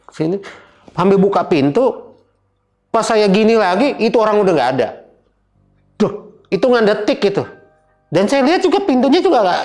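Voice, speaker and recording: A young man, casually telling a personal ghost story as a guest, in an animated, dramatic way full of fillers. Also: sits high.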